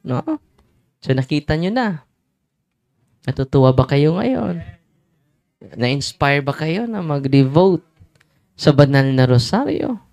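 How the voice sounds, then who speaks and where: Slow-talking priest quizzing his crowd. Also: a little high, expressive, vocal fry, darkish tone, no room sound. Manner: teasing, asks the crowd quick questions. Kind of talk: lively sermon with audience questions.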